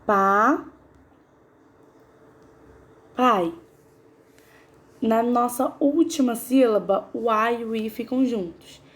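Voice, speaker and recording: A woman's voice: a little high, darkish tone. A woman teaching a grammar lesson, patiently sounding out syllables one by one and asking her students questions. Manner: patient, spells out syllables slowly; asks the class questions.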